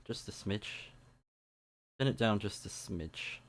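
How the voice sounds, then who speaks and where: A young game streamer with a lowish, slightly scratchy voice gives enthusiastic, casual live commentary while playing a video game. He takes it slowly and thinks aloud, with game music in the background.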